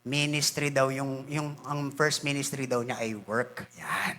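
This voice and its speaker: A male pastor from the Philippines preaching a sermon in an animated way, switching between Tagalog and English and acting out church members. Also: mid-range voice, measured pace. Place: church sanctuary.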